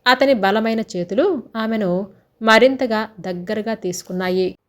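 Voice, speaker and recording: A woman's voice: mid-range voice, unhurried. A woman storyteller giving an emotive, scripted narration of a romantic family tale. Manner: dramatic, emotive reading.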